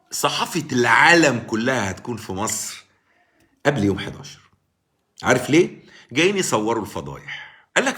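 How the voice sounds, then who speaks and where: An Egyptian-accented man talks fast on his live stream and argues his case to the viewers. His pitch swings widely from high to low, and his voice sounds bright and forceful. He calls out viewers by name as he answers them. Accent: Egyptian Arabic. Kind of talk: casual political commentary on a live stream. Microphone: live-stream mic.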